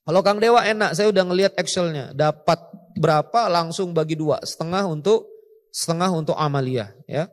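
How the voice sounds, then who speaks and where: A man, a mosque preacher, giving a lively speech to an event audience, asking the crowd questions and quoting scripture. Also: fairly high pitch, fairly quick. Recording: echoey hall.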